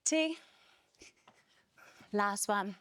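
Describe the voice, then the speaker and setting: A woman's voice: medium pitch, expressive, very slow, fairly bright tone, smooth, dry recording. A young adult woman leading a barre workout class, energetically counting reps and cueing moves while a little out of breath. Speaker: fitness instructor.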